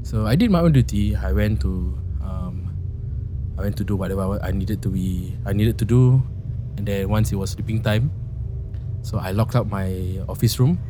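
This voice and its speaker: A young Singaporean man hosting a podcast, chatting and telling personal stories in an animated, slangy way. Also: on the low side, normal speed, over music. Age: young adult. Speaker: podcast host. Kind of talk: casual chat and personal storytelling. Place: podcast studio.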